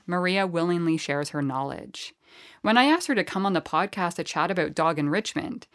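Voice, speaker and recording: A woman with a lowish, fairly bright voice hosts a podcast and trains dogs. She introduces and interviews a guest in an enthusiastic, chatty way, full of fillers and restarts.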